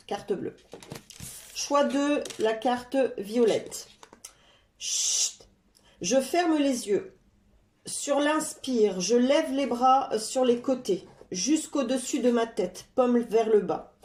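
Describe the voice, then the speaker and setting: A woman talks slowly through a tarot card reading, her chatty tone broken by frequent "euh" fillers. Her voice sits a little high. The room around her is echoey. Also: mellow. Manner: stops to talk to her cat. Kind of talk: casual card-reading guidance.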